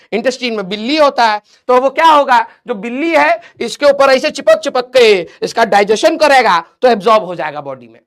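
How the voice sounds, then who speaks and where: A man's voice: very high-pitched, a bit bright. A man teaching a live online class, chatty and teasing, joking with his students between lessons. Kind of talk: casual live-class banter.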